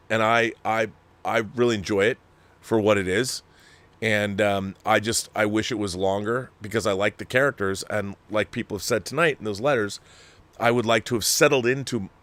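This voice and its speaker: The speaker is a man with a lowish, somewhat bright voice and no room sound, hosting a casual film discussion. He gets emphatic and opinionated, wanders as he talks, reads out viewer letters, and often cuts himself off mid-sentence to rework what he's saying.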